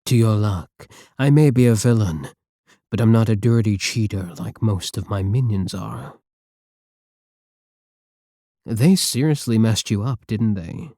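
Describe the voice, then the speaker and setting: In an ASMR roleplay, a voice actor plays an arrogant villain scientist, mocking, taunting, sarcastic and condescending. His voice is on the low side and mellow, unhurried with frequent pauses. The sound is clean studio audio with no echo.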